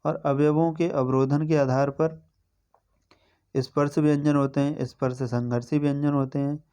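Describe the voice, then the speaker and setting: A male teacher giving an exam-prep grammar lesson, explaining step by step, spelling out sounds slowly and often checking in with "okay". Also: on the high side, level tone, warm tone, clear, resonant tone. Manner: explanatory, repeats "ठीक है" as a check-in.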